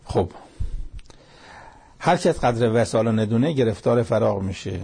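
A man's voice: mid-range voice, vocal fry, warm tone, breathy edge. A man giving a Quran commentary talk, retelling the stories in a colloquial storytelling way, his voice rising at the outbursts. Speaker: Quran teacher.

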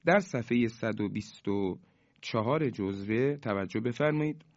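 A man teaching Quran recitation rules, who explains each rule slowly and then chants each example drawn out and louder. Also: fairly low pitch, no echo, highs cut off. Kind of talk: recorded tajwid lesson.

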